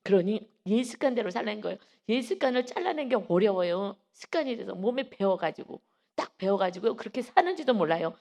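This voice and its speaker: A woman pastor delivers an early-morning sermon in a church, her voice carrying a gravelly rasp. She preaches with emphasis and often acts out the voices she quotes. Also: mid-range voice, lively intonation, fast, darkish tone. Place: church sanctuary.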